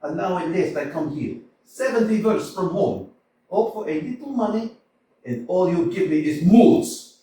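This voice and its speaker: Smirnov, an irate, blustering middle-aged landowner after a debt, is voiced by a man in a theatrical community staged reading on a small stage. Exasperated, he rants and exclaims, swinging from mutters to shouts in a high, animated voice at normal speed. The recording is echoey and distant, with a faint hiss.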